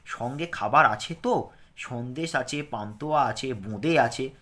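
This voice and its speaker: A man teaches young pupils from a textbook, reciting its verse with a rhythmic lilt before explaining the words in plain terms. His voice is bright and forceful, and his pitch swings widely. He speaks like a patient classroom teacher. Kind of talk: reading aloud and explaining a children's textbook.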